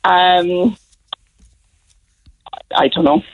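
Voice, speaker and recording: A woman's voice: on the low side, steady tone, extremely slow, dull audio, a little hiss or hum. A woman with a West Cork Irish accent, chatting casually as a caller to a radio phone-in. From Ireland, County Cork.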